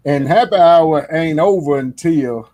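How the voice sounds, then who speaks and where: A man's voice: a little high, unhurried, warm tone, muffled recording. A man hosting a casual interview, mostly short affirmations and playful asides. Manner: brief backchannels and laughing asides. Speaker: interviewer host.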